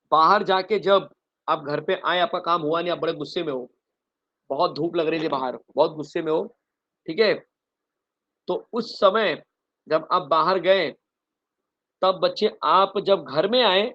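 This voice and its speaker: Lively man teaching chemistry, dull recording. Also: a little high. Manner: calls students "bachche" and "bhai", explains with a story mnemonic; lively, asks questions and answers them himself. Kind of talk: online exam revision lecture.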